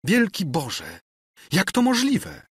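A man reading an audiobook voices a stern aristocratic princess with shocked, high-pitched exclamations. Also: huge pitch swings, slow pace, a bit bright, husky, no echo, studio quality, full character voice. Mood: outraged.

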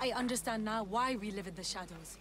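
A woman's voice: medium pitch, crowd noise, close to an everyday voice. An actress playing an earnest, remorseful young woman rebel in a video game.

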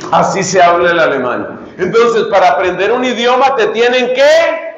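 A man giving a retreat teaching talk, speaking slowly and deliberately, repeating phrases and acting out pronunciations as he teaches. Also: sits high, lively intonation. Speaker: preacher at a lay retreat. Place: retreat meeting room. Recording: echoey room, dull lo-fi sound.

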